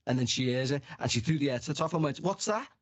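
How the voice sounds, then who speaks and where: A man's voice: medium pitch, steady tone, quick pace, no echo. Chatty man on a dry mic. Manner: chatty anecdotes, acts out quotes, swears casually. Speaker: podcast guest or host. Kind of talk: casual chat, storytelling.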